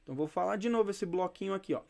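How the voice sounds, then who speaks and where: A man teaching an English lesson in a casual, chatty way, patiently repeating words slowly for practice. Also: high voice, gravelly, darkish tone. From Brazil. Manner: informal, chatty asides to students.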